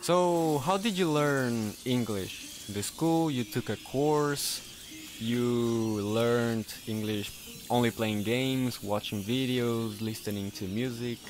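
A man streaming a game in casual chat, speaking careful non-native English, halting and self-correcting, laughing often. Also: medium pitch, slight background noise.

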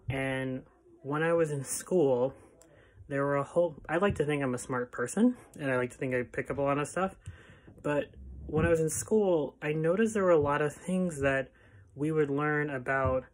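A man in his twenties or thirties with heavy, audible breathing, talking casually and haltingly to his phone in a self-deprecating way. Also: mid-range voice. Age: 20s to 30s. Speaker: pharmacist starting a video channel. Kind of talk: casual vlog talk to camera. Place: plain indoor room. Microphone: phone at arm's length.

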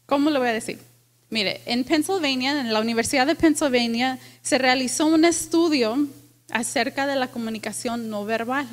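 A woman pastor preaching a lively sermon to a congregation, asking them questions and dropping in English phrases. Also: sits high, moderate pace. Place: church with congregation.

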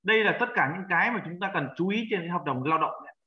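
Man, language teacher, patient, repeats words for learners, fairly high voice, dull lo-fi sound. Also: lively intonation, very fast. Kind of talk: language lesson.

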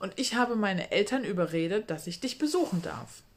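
A woman's voice: mid-range voice, lively intonation, brisk. A woman voicing a bubbly schoolgirl who chats eagerly and giggles with her best friend. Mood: excited.

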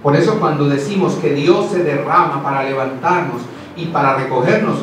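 An impassioned male preacher with a high voice, moving between ringing declarations and quiet asides. He sounds far from the microphone in a church with a heavy echo. Steady noise sits behind him. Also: normal speed. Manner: impassioned, swings from loud declarations to hushed asides. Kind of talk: sermon. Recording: echoey hall, distant mic, noisy.

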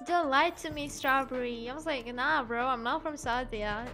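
High, bright-voiced woman streamer. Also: normal speed, soft background music. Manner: playful, laughing easily. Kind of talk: casual gaming livestream chat.

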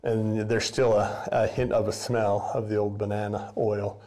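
In the basement boiler room of an old school building, an older man rambles in a relaxed, folksy way as a camera follows him, much like a former custodian sharing memories on a casual tour. His voice sits on the low side and moves a little slowly, full of "uh" and "um" and frequent restarted sentences.

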